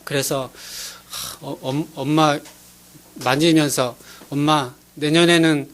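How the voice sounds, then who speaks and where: A man's voice: a little high, fairly even intonation, slow, fairly bright tone. A male pastor preaching a sermon in an earnest, pleading way, acting out little scenes as he goes.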